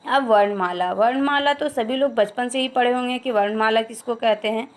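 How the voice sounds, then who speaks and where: High-voiced woman teaching a grammar class. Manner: explains slowly, drawing out example sounds; asks and answers her own questions. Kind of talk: recorded grammar lesson.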